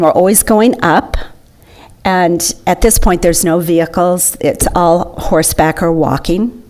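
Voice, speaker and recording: A woman's voice: on the low side, a little mellow. A woman giving an enthusiastic, chatty slideshow talk to an audience. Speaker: presenter.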